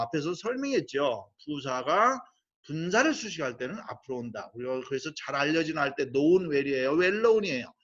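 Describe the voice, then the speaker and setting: A man teaching a high school English grammar lesson, explaining step by step, asking rhetorical questions and slowly spelling out English phrases. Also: a bit bright, muffled recording. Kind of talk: recorded grammar lecture.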